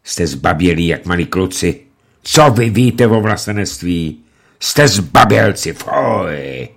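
A man voicing an arrogant, furious older male leader, loud and scornful. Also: low-pitched, animated, vocal fry, full character voice. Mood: angry scorn.

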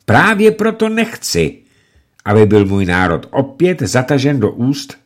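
A man voicing an earnest middle-aged male prisoner who speaks in a measured, serious way. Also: medium pitch, big pitch swings, pitched above the performer's own voice, lightly acted.

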